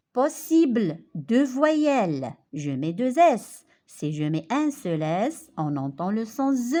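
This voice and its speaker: Woman, remote French teacher, slow and patient, bright animated intonation. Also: on the high side. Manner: slow, patient, repeats and checks with "d'accord?". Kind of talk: remote French phonics lesson.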